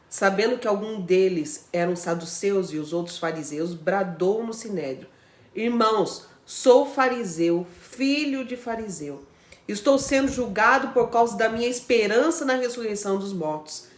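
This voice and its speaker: A woman reading a Bible passage aloud at a steady pace. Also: medium pitch, normal speed. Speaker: co-host reading scripture. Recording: echoey room.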